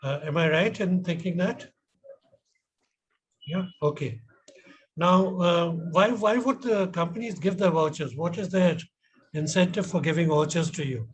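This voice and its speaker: A middle-aged man with an educated, polished Indian accent, giving measured, hesitant feedback and questions as a competition judge. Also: fairly high pitch, husky, poor audio.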